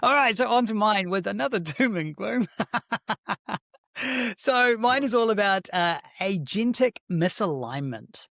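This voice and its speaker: A man co-hosting a tech podcast in casual chat, laughing often as he explains. His voice sits fairly high with a gravelly fry, recorded dry and close. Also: lively intonation, slow, fairly bright tone, no room sound. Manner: chatty, laughs often, restarts words. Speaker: podcast co-host.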